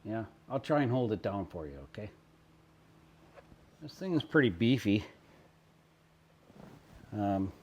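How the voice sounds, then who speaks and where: A man's voice: medium pitch, dull audio, slight background noise. A man narrating a casual how-to while working in his own vehicle, with a wry, self-deprecating, muttering manner. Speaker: DIY car vlogger.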